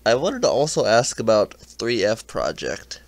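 A man interviewing a guest in a relaxed, conversational way. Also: lowish voice, a little slow, gravelly. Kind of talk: casual interview questions.

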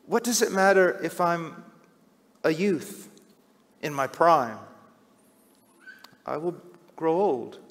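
A middle-aged man preaching a sermon, swinging from hushed, slow passages to loud, shouted cries. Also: a little high, lively intonation. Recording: long hall reverb.

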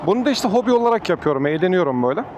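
Lively motovlogger man inside a helmet, loud traffic. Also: high-pitched, racing. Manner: polite, chatty. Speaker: motorcycle taxi rider, vlogger. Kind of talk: casual motovlog chat. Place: outdoors on a motorbike in city traffic. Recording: loud engine, wind and street noise.

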